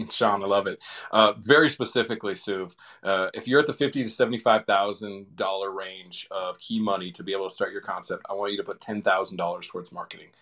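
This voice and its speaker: A man's voice: low voice, steady tone, quick pace, sharp tone. A man moderating an audio roundtable, enthusiastically thanking people and passing questions to the panelists. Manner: enthusiastic, affirming, hands off questions.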